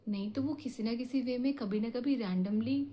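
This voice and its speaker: A woman's voice: fairly high pitch, moderate pace, warm tone. A woman giving a heartfelt motivational talk, mixing Hindi and English, coaxing and intimate, often dropping to a whisper. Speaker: motivational speaker.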